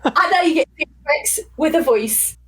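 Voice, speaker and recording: High-voiced woman, set back from the mic. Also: animated, normal speed, recorded from a distance, low-quality recording. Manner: chatty storytelling of fun facts. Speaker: podcast guest. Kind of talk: casual chat.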